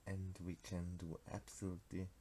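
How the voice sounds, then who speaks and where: In a casual screen-recorded devlog, a teenage male game developer from Switzerland, who speaks Swiss German natively and has that accent, discusses his card game. His deep, dark voice shows little pitch movement at a moderate pace, and his delivery is hesitant, with many fillers and restarts. There's slight background noise.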